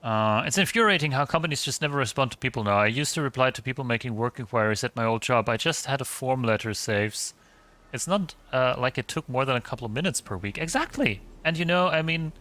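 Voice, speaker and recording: A man's voice: mid-range voice, a bit bright. Chatty man streaming a game. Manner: chatty, rambling, swears casually, many restarts. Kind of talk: casual gaming commentary.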